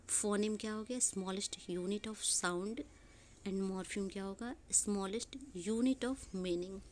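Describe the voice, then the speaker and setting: A woman's voice: medium pitch, slight background noise. Woman teacher asking her own questions. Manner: asks and answers her own questions, slows to read English definitions; spells words out letter by letter. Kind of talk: exam revision lesson.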